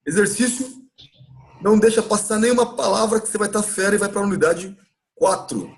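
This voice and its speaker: A man with a Brazilian Portuguese accent teaching English in a live class, explaining patiently and repeating words slowly to model pronunciation. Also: sits high, a little hiss or hum. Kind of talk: live online class recap.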